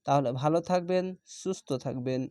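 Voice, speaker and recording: A man teaching Quran reading, spelling out each syllable and then stretching the whole word slowly. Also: on the high side, dark tone, no room sound, studio quality. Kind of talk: step-by-step spelling lesson.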